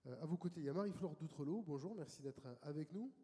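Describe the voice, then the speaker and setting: A man moderating a conference session, introducing speakers in a lively, welcoming way. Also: fairly high pitch, quick pace. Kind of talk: event moderation. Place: conference hall. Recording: conference hall reverb.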